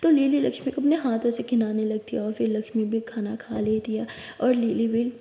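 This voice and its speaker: A woman's voice: fairly high pitch, fairly even intonation, a little fast, creaky, mellow. A woman narrating a love story in a casual, conversational storytelling manner, recorded in an echoey room. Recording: echoey room with long reverb.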